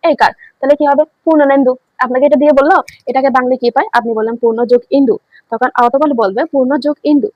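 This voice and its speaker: Brief: female teacher, high voice, dry close sound, quizzes the class and answers herself. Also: racing, dry recording, lo-fi sound. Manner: asks students questions then answers them herself; repeats key words for emphasis. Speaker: grammar teacher. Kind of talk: online classroom lesson.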